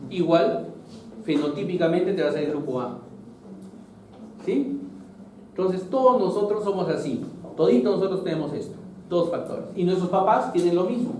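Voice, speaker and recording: A man's voice: high-pitched, dark tone. A man teaching a biology lesson to a class, explaining step by step and often checking whether students follow. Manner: explanatory, keeps checking in with "¿no es cierto?". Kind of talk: classroom lecture. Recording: very echoey noisy classroom, far mic.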